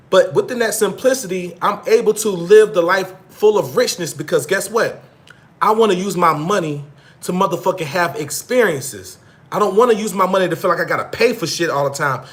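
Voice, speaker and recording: A vlog host in his thirties speaks in a high, slightly bright voice, talking casually to his live viewers. He's blunt and profane, leans hard on slang, and repeats points to drive them home.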